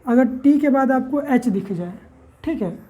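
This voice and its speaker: Woman teacher, mellow higher voice, spells out words, quizzes the listener. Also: expressive, a little slow, muffled recording. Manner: spells words letter by letter and keeps asking rhetorical questions. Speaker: English teacher. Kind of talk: classroom-style lesson.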